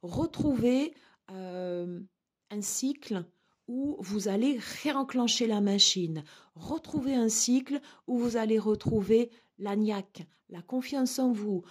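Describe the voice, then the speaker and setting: A woman giving a tarot card reading to her viewers, speaking gently and reassuringly with frequent hesitations. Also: mid-range voice, husky. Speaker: tarot reader.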